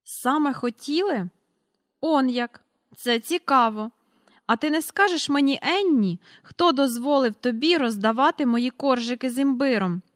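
A woman voicing a tiny, very old shopkeeper woman with a squeaky voice, in a read-aloud storybook. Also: lively intonation, normal speed, dry recording, clean studio sound, lightly acted. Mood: mocking. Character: tiny ancient shrill old woman shopkeeper, sharp-tongued.

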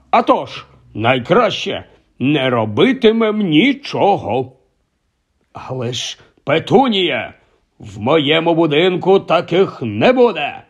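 A man voicing a blustering middle-aged uncle in an audiobook, low, gruff and hoarse. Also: highs cut off, full character voice. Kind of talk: audiobook character voice.

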